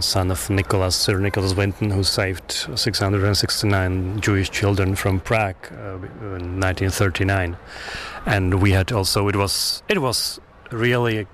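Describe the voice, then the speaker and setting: A man from the Czech Republic speaks in a fairly low voice, earnest and a little hesitant as he answers. There is faint noise in the background. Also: little pitch movement, normal speed, a bit bright. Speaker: festival organizer. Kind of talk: interview.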